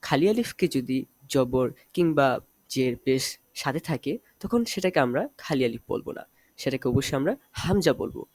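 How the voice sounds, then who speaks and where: A man teaching Arabic letter reading, reciting each letter and vowel mark in a slow, deliberate drill. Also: mid-range voice, darkish tone, no echo. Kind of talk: spelled-out letter drill lesson.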